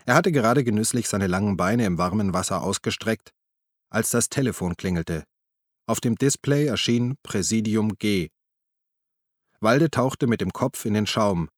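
A man narrating a crime novel in a measured, even tone. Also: fairly low pitch, no echo, clean studio sound. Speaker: audiobook narrator. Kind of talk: scripted narration.

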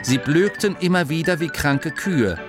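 Man reading with lively intonation. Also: a little high, a little slow, music in the background. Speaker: narrator. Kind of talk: audiobook narration.

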